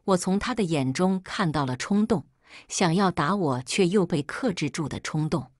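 A woman narrating a first-person family drama story in a calm, cool telling. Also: fairly low pitch, normal speed, no room sound, studio quality.

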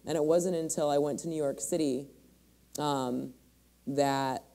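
Warm-voiced woman panelist, thoughtful. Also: low-pitched, fairly even intonation, a little slow. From Michigan. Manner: thoughtful, searching, many restarts. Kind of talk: panel discussion. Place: large hall on a stage.

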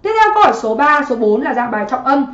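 Woman teacher on a livestream, high voice, chatty, muffled roomy sound. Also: very animated, fast talker, a bit bright. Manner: chatty, keeps asking students to comment. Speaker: English teacher. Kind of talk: livestream exam-prep lesson. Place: home office.

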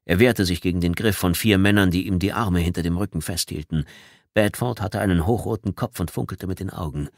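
A man reading a novel aloud as an audiobook, with measured, dramatic storytelling. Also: deep voice, a little mellow, no echo, studio quality. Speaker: audiobook reader. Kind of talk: scripted audiobook narration. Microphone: studio microphone.

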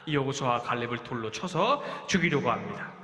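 Animated man telling a children's sermon. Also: medium pitch, a little fast. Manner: animated, acts out quoted speech, asks children questions. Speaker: children's pastor. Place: church worship hall. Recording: echoey church hall.

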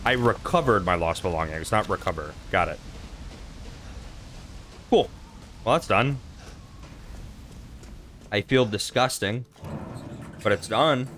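A man giving casual let's-play commentary while gaming, expressive and freely cursing. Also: low-pitched, a little hiss or hum. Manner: expressive, profane, excitable. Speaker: gaming streamer.

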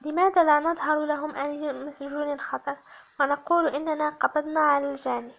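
A woman's voice: high voice, steady tone, a little fast, vocal fry, fairly bright tone. A woman reading the part of a pragmatic male police officer who speaks matter-of-factly. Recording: slightly muffled lo-fi audio.

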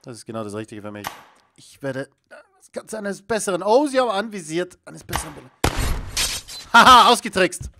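A man giving jokey, excitable commentary while playing a video game, often shouting at it. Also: on the high side, a little fast, slight background noise. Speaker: let's play gamer. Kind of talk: casual gameplay commentary.

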